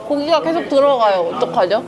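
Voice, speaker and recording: A woman food vlogger chatting playfully as she eats, full of quick exclamations. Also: high voice, lively intonation. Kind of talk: casual mukbang chat. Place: busy restaurant. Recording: restaurant crowd chatter behind. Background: diners chattering.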